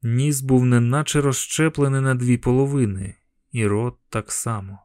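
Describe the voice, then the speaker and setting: A man narrating an audiobook in an even, measured reading. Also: medium pitch, no echo. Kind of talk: scripted narration. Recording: dry close studio sound.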